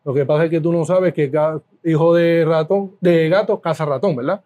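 A middle-aged Puerto Rican man speaks as an interview guest, a little high in pitch but soft and mellow in tone. He tells stories with animation, stacking repeated words for emphasis and laughing now and then. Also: steady tone, normal speed, lo-fi sound. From Puerto Rico. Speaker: guest, food business owner. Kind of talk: casual interview storytelling.

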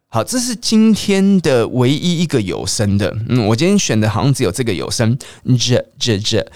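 Lively man drilling English words. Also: mid-range voice, dry recording, clean studio sound. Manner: drills words slowly and repeats them; asks listeners to repeat aloud. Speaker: English teacher. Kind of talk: radio English lesson.

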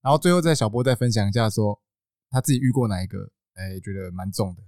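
A man with a Taiwanese Mandarin accent co-hosts a casual podcast and keeps things moving with jokes. He talks fast in a lively, swinging pitch, and the sound is dry. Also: no room sound. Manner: jokey, keeps the segments moving. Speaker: podcast co-host. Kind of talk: casual chat.

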